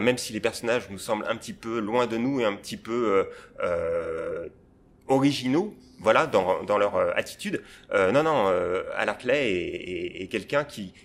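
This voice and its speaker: A man presenting a favourite film director in a library video, enthusiastic and pausing often on fillers. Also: fairly low pitch. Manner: enthusiastic, hesitant with many fillers. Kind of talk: casual film recommendation. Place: library, indoors.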